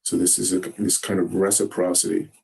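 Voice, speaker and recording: Zen teacher, male, lowish voice; gentle, halting dharma-talk delivery with many pauses. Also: flat delivery, creaky. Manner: gentle, halting, searching for words. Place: meditation hall.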